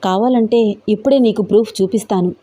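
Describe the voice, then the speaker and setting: A woman's voice: medium pitch, brisk, dark tone, lightly acted. A woman voicing a frightened but resolute young woman who explains herself earnestly in a storybook tale.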